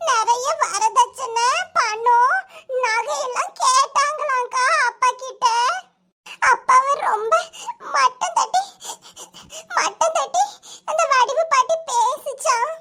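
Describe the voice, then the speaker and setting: A voice actor doing a squeaky, tearful cartoon little sister. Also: slow, bright, forceful tone, a little hiss or hum, exaggerated voice. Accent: Kanyakumari Tamil. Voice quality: high, pitched-up cartoon voice. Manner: tearful, pleading, soothing. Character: younger sister comforting her older sister. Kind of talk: cartoon voice acting.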